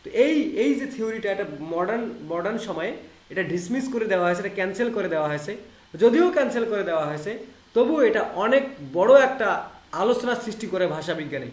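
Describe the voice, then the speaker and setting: A Bangladeshi man with a high voice teaches linguistics online, repeating key terms and glossing English words in Bengali. He sounds like he's in an echoey room. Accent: Bangladeshi Bengali, Rangpur. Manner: reads English text slowly and deliberately. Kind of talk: online lecture.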